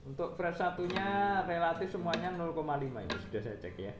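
Relaxed man explaining guitar repairs. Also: a little high, a little fast, echoey room, noisy background. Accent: Indonesian, East Javanese. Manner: relaxed and explanatory, counting frets aloud, many fillers. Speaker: guitar repair shop owner. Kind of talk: casual workshop demo talk.

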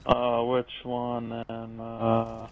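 A young man chatting over a headset while gaming, excitable and swearing, yelling when things go wrong. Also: mid-range voice, extremely slow, rough recording. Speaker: gamer in party chat. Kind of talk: casual chat while gaming.

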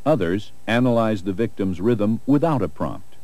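A man's voice: lowish voice, lively intonation, moderate pace, warm tone. A man reading scripted narration for a training video in an instructional style.

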